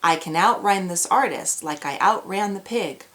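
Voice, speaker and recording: A woman's voice: fairly low pitch, animated, moderate pace, a bit bright. A woman voicing a cheeky, confident young gingerbread girl from a storybook, delivering boastful rhymes in a sing-song way. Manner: sing-song rhyming taunts.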